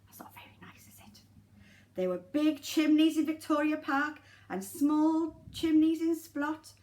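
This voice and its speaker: A nursery teacher with a high, unhurried voice reads a children's story aloud. She performs it with animation and drama, turning aside now and then to speak directly to her young listeners.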